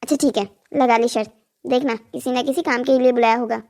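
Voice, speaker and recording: A voice actor playing a gentle, worried mother in a cartoon story, speaking softly to calm her son. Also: on the high side, a little fast, lightly acted. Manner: soft, calming, pleading.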